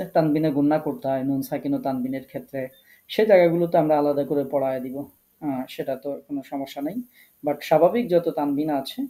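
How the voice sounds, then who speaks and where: A man's voice: on the high side, mellow. A man from Bangladesh teaching an online Quran recitation class, patiently repeating the rules and drilling pronunciation.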